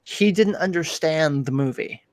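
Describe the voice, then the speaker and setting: Higher-voiced man hosting a rambling lore chat. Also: measured pace, dry recording, studio quality. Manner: rambling, many fillers and restarts. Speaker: podcast host. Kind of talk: casual chat. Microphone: video call.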